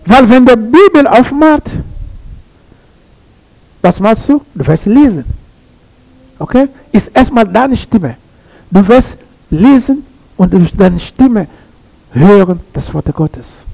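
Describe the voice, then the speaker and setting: High-voiced, gravelly male preacher. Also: very animated, slow, pauses often, darkish tone, rough recording. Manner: repeats phrases, asks the listeners questions. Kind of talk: sermon to a congregation.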